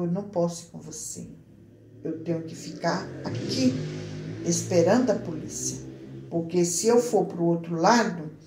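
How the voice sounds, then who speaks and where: A woman giving an earnest personal religious testimony, speaking haltingly and often repeating words and restarting phrases. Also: sits low, mellow, reverberant. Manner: earnest, addresses listeners directly.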